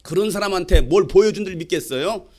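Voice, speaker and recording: A male pastor preaching a sermon, asking rhetorical questions and swinging between loud emphasis and quiet asides. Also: sits high, brisk. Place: church sanctuary.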